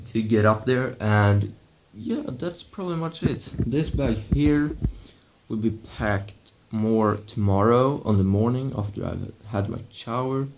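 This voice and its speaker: Slow, low-voiced young man vlogging at home. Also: darkish tone, slight background noise. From Sweden. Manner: slow and halting, with many restarts. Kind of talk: casual vlog. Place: at home indoors.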